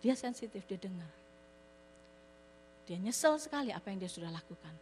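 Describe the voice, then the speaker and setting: A woman's voice: mid-range voice, expressive, brisk, a little mellow. A woman preaching a sermon in storytelling style, mixing in English words and addressing her listeners as brothers and sisters. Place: church hall. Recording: long hall reverb with hum.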